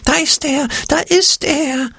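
A man voicing a whiny, fearful inner voice that shrieks and whimpers in a high, squeaky register, reading from a children's audiobook. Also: fairly even intonation, slow, vocal fry, bright, forceful tone, no room sound, clean studio sound, exaggerated voice. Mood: shrieking. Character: whiny fearful inner voice, a shrill little imp.

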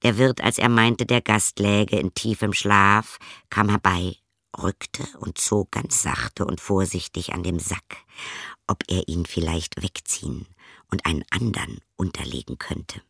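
Man reading a fairy tale, deep-ish voice, really lively delivery, dry close sound. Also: unhurried, gravelly, dry recording. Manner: expressive storytelling with vivid emphasis. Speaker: narrator.

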